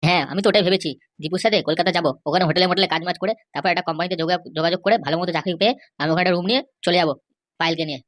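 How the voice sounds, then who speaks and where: A woman's voice: fairly low pitch, very fast, natural voice. A woman voicing a worried young cartoon man who rambles on about his girlfriend's family. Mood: grumbling. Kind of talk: cartoon voice acting.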